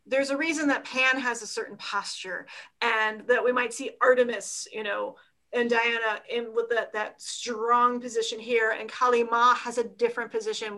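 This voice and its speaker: Animated Philly woman with a bright voice. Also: fairly high pitch, poor audio. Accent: Philadelphia. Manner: animated, expressive, laughs often. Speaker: dance teacher and author. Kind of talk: casual interview chat.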